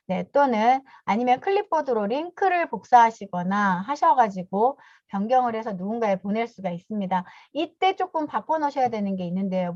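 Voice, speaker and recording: A woman's voice: fairly high pitch, no room sound. A woman in her fifties gives a step-by-step online training talk to teachers over a video call, politely punctuating her phrases with a short affirming "yes". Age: 50s. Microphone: video call mic. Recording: dull, dry video call audio.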